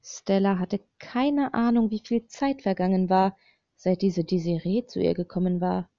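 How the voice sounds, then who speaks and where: A woman's voice: medium pitch, a little slow, no room sound. A woman narrating an audiobook in scripted narration, reading steadily, on a slightly dull, dry recording. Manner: steady, even reading of a dark thriller.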